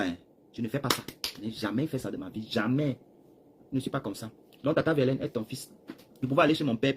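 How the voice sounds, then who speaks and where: A Cameroonian man rambling through a live stream, talking straight to his viewers and swinging between loud bursts and hushed asides while seated. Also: mid-range voice, slightly rough. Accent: Cameroonian French. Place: seated, chair.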